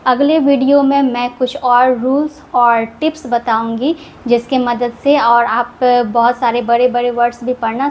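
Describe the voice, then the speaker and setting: A woman teaching English reading rules, explaining each one patiently and repeating the example words. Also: high-pitched. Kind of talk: slow step-by-step lesson.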